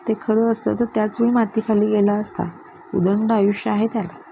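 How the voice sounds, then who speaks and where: A woman's voice: mid-range voice, little pitch movement, a little fast, vocal fry, natural voice. A woman voicing an amused village mother who teases her son. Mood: teasing. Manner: light, teasing. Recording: dull lo-fi with faint hiss.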